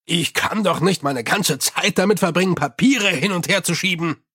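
A weary middle-aged police commander, read by a male narrator speaks bluntly and dryly. He grumbles about paperwork, and his voice stays fairly high and plain. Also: moderate pace, a bit bright, breathy edge.

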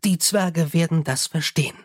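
A man's voice: a little high, husky. A man doing a grave, solemn dwarf priest. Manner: measured, formal.

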